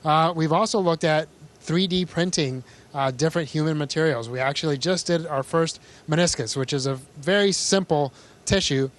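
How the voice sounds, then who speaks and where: A man with a fairly high voice speaks as an astronaut on a live link. He explains things informally, in simple everyday words. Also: normal speed. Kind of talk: answering questions in a live link-up.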